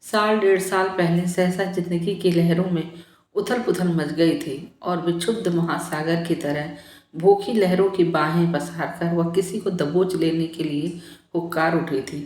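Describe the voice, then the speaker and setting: A woman narrating a novel in a calm, measured audiobook reading. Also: lowish voice, echoey room.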